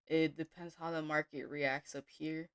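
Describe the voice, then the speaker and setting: Relaxed woman thinking aloud on stream. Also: low voice, moderate pace, clear, resonant tone, no echo, clean studio sound. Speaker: day trader streaming live. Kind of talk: casual live-stream commentary.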